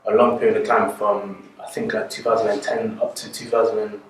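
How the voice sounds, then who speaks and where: A man's voice: fairly low pitch, flat delivery, a little fast. Young man in a distant echoey street recording. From born in Italy, raised in England. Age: 20s. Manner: rambling, many fillers and restarts. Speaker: interviewee. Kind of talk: casual street interview. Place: outdoors on a street. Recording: echoey, from far off, faint background noise.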